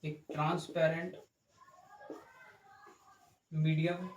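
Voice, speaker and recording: A man's voice: a little high, level tone, extremely slow, muffled recording. A man teaching a physics class, explaining step by step, asking checking questions and correcting himself as he draws. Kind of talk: classroom lecture with board drawing. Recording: echoey room with faint ambient noise.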